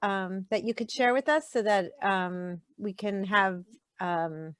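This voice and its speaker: A woman informally moderating an online meeting, speaking in halting, hesitant phrases. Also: medium pitch, fairly bright tone, smooth, no room sound, studio quality. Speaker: meetup host. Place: virtual meeting.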